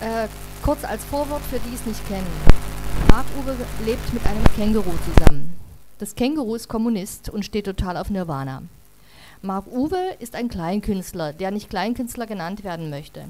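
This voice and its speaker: A woman reading a story aloud to an audience in a chatty, relaxed way, with frequent fillers. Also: mid-range voice, moderate pace, noisy background. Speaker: reader.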